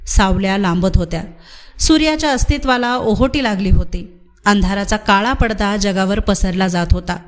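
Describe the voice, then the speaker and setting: Woman reading a novel in measured tones. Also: mid-range voice. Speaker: narrator. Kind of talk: scripted narration of a novel.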